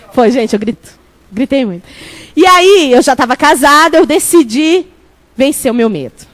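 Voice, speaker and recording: High-voiced woman bishop preaching animatedly. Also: takes it slowly, pauses often. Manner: animated storytelling, shouting at peaks; lively, laughing, addresses crowd as "gente". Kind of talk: sermon with personal story.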